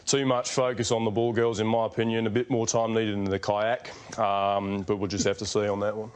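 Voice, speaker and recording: Casting: a deadpan, low-voiced male tennis coach, done by a young man. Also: smooth, close to an everyday voice. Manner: dry, measured, deadpan. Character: blunt, matter-of-fact male tennis coach.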